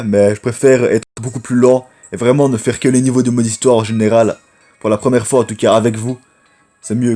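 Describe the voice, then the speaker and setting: A man with a low voice giving rambling, chatty gameplay commentary and talking to viewers as friends. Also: mellow. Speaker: gaming YouTuber.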